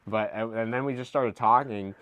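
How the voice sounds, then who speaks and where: A man's voice: mid-range voice, steady tone, moderate pace, a bit bright, clean tone, no room sound. A young man hosting a stream, chatting casually and telling rambling stories, laughing often and swearing freely. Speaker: streamer host. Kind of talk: casual chat.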